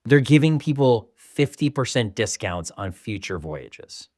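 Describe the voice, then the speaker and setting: A man's voice: mid-range voice, big pitch swings, unhurried, darkish tone, dry recording, clean studio sound. A young man co-hosting a casual podcast, rambling with restarts and casual swearing. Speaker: podcast co-host. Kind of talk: casual chat.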